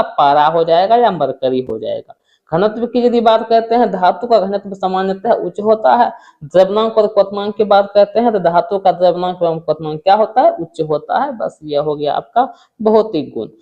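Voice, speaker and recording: A man's voice: high-pitched, dull audio. A male teacher giving an exam-prep chemistry lesson, asking questions and answering them himself.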